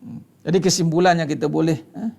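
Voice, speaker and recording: A man's voice: on the high side, steady tone, fast talker, vocal fry, a little mellow. A man with a Malaysian Malay accent preaching to a congregation, emphatic, stretching key words and firing rhetorical questions. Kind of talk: religious lecture to a congregation.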